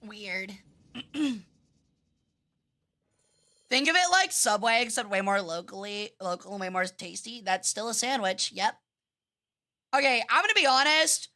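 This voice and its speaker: A woman's voice: mid-range voice, unhurried, pauses often, sharp tone. A woman livestreamer chatting to her viewers in a playful, cutesy anime-streamer manner.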